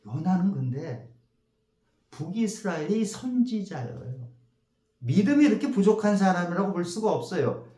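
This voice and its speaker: A male pastor preaching a sermon in a church, telling the story in an animated way and acting out the quotes. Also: high-pitched, normal speed, reverberant. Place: church sanctuary.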